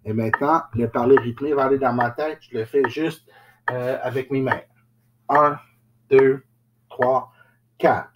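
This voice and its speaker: A man's voice: mid-range voice, steady tone, moderate pace, a little hiss or hum. A man teaching a music lesson, patiently explaining each step and chanting rhythm syllables in time with a beat.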